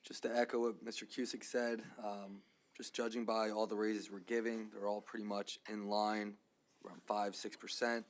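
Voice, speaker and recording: A man's voice: fairly low pitch, level tone, normal speed. A man giving a short, matter-of-fact statement against a raise at a council meeting. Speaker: council member. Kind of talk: brief floor statement.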